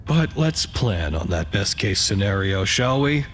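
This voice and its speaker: In an audio drama, an actor plays a wry, excitable staff announcer at a secret research facility, whose formality is prone to fluster. His dry, official delivery is on the low side and unhurried, with a little hiss or hum in the recording.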